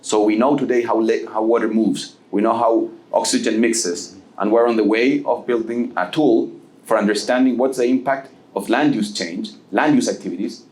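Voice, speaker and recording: A man's voice: fairly low pitch, moderate pace, a little mellow. A man on a panel for a lake conservation nonprofit, answering an audience question in an explanatory way, with restarts and frequent "okay?" check-ins. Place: event room at a live panel. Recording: echoey room.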